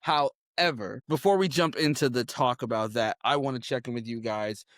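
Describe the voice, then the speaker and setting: An upbeat man hosting a casual podcast, steering the conversation and laughing easily. His voice sits at an ordinary middle pitch for a man. The sound is close and dry. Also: normal speed, a bit bright, no room sound. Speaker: podcast host.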